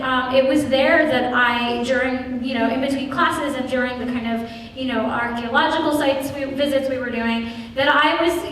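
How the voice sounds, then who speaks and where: A woman from Iraq giving a thoughtful public lecture as a visiting curator, pausing often with ums. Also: high voice, fairly bright tone, a little hiss or hum. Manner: thoughtful, frequent ums and restarts. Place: lecture hall. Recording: echoey hall, recorded from far off.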